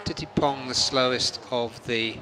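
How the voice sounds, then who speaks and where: A man's voice: mid-range voice, steady tone, measured pace. A man working as a motorsport co-commentator, giving conversational analysis during a live motorcycle race. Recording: loud engine and vehicle noise. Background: race engines and trackside ambience.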